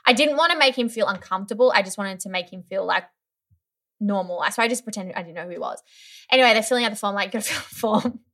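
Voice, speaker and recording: A woman's voice: medium pitch, fast. A young woman chatting casually as a guest, telling a story animatedly with lots of "like" and acted-out voices. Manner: animated storyteller, many "like"s, acts out others' voices. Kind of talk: casual chat.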